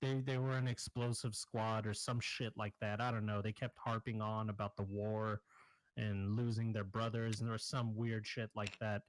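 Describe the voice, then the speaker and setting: A man's voice: fairly low pitch, little pitch movement, moderate pace, no echo, natural voice, rough recording. Man voicing a jittery shady arms dealer. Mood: nervous. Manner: defensive, pleading, evasive.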